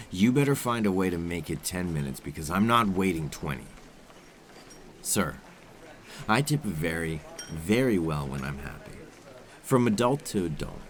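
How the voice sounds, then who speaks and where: Man playing a suave, deep-voiced criminal, condescending and commanding. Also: fairly bright tone. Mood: curt, demanding. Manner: smooth, condescending, impatient and commanding. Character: suave, menacing male criminal coaxing a captive dinner date. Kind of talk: scripted ASMR role-play.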